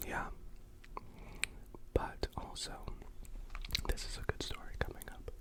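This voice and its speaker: A young adult with an American accent tells casual, self-effacing personal stories in an ASMR mukbang whisper, chewing while talking between bites. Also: measured pace. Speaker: video creator and actor.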